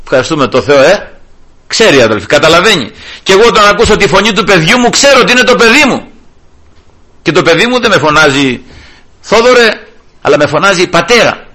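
Middle-aged guy preaching, swoops up and down a lot, kinda husky voice. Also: high-pitched, big pitch swings. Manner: emphatic, rhetorical questions, swings from loud to hushed. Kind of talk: sermon.

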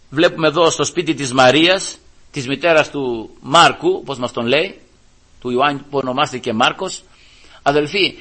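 A man delivers a sermon in a bright, fairly high voice. He talks in a conversational way, keeps turning to his listeners as brothers, and sometimes slips into pleading voices to act out a story. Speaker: preacher.

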